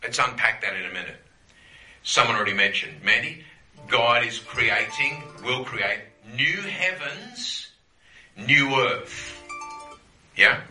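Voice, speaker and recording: Bright-voiced man teaching the Bible. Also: mid-range voice, reverberant, rough recording. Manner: conversational, checks in with "yeah?"; quotes scripture, repeats phrases for emphasis. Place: teaching room with a group.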